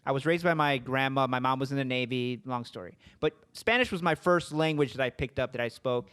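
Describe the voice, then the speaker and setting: A podcast host from a Puerto Rican family, raised in the US, interviews a guest in a mid-range, slightly bright voice that's clear and resonant. He talks fairly quickly and casually, rambling along with many restarts and fillers.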